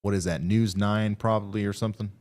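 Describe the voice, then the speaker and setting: Low-pitched man giving live weather commentary. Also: fairly even intonation, darkish tone. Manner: halting, thinking aloud while reading radar. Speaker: live weather stream host.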